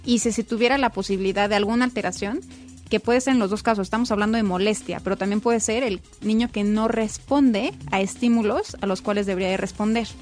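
A woman's voice: medium pitch, fast talker, darkish tone, soft background music. A woman, a child development specialist, explaining emphatically in a casual conversation. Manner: explanatory, emphatic, quotes parents in raised voice. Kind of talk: casual expert chat.

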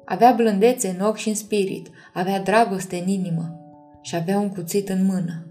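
A woman narrating an audiobook chapter in a measured, expressive reading. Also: medium pitch, soft background music.

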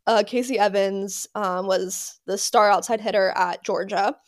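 A young woman hosting a casual solo podcast, excitable and gushing, with lots of fillers and repeated words. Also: mid-range voice, measured pace, no room sound, clean studio sound. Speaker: podcast host.

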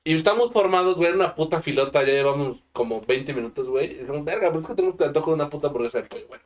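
A man with a Mexican accent in a crude, casual chat, cursing nonstop and saying "güey" all the time. His speaking voice sits a little high. He tells stories from his own life in a loose, rambling way. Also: expressive, racing. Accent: Mexican Spanish. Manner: swears constantly, says "güey" nearly every line.

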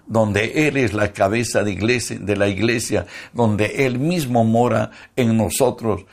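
A man with a fairly low voice preaches a Bible study at an unhurried, deliberate pace. He reads scripture aloud in a measured, steady way. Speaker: pastor.

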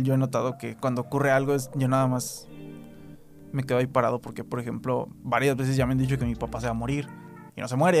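Mexican man hosting a casual chat. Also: mid-range voice. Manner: chatty, animated when retelling. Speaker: podcast host.

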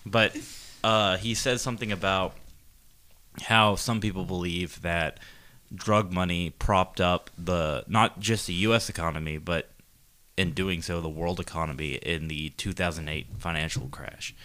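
Man, very low pitch, bright tone, rambling, profane casual chat. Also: a little slow. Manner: rambling, profane, explaining at length. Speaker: podcast co-host.

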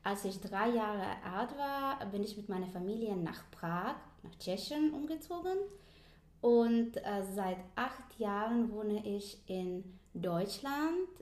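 A woman's voice: medium pitch, expressive, slow pace, darkish tone. A woman in her thirties from Ukraine, giving a casual interview as a guest, speaking hesitantly with many filler sounds and small grammar slips. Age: 30s. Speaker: interview guest, spirits company founder. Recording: echoey room.

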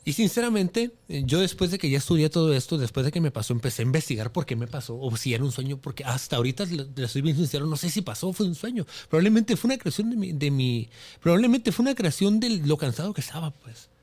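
A man's voice: a little high, fast talker. A young Mexican man, a guest on a podcast, telling a personal story with animation and acting out the lines of the dialogue he quotes. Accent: Mexican Spanish. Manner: animated, acts out his own quoted dialogue.

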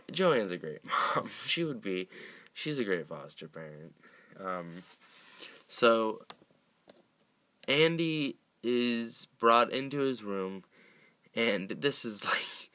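A man's voice: fairly low pitch, fairly bright tone, no room sound. A man hosting a casual podcast, recapping a horror film in a rambling way, with lots of fillers and restarts. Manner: rambling, many fillers and restarts, laughs often.

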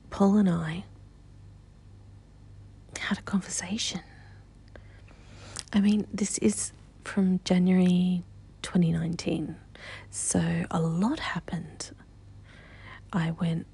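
A woman rambles casually through her solo podcast in a silly, playful way. Her voice is very husky and breathy, crackling with vocal fry, and she takes her time. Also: on the low side, mellow. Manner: silly, playful, slips into little sung scat bits. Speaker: podcast host.

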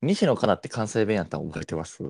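A young man with a Kansai accent, co-hosting a podcast in a relaxed, polite, agreeable way. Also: fairly low pitch, quick pace, vocal fry, husky. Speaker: podcast co-host. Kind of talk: casual chat.

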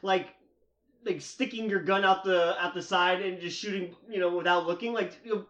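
A man's voice: high voice, normal speed, a bit bright, echoey room, highs cut off. A man hosting an amateur sports podcast, steering topics with blunt, profane opinions. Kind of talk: casual sports chat.

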